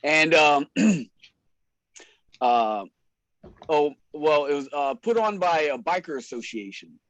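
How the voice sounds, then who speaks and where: A man's voice: a little high, expressive, takes it slowly, fairly bright tone, no echo, poor audio. A man, a wrestler and show promoter, telling stories in a casual, slangy way and laughing often. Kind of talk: casual storytelling in a podcast interview.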